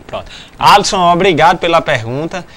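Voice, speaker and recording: A man's voice: on the high side, lively intonation, a little fast, pushed and bright. A man hosting a live TV talk show, teasing his guest with jokey banter. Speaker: TV show host.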